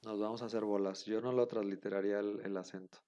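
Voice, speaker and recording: A man's voice: lowish voice, little pitch movement, quick pace, warm tone. A man teaching a class, patiently repeating the rules with many fillers. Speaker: Hebrew teacher. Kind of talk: online class explanation.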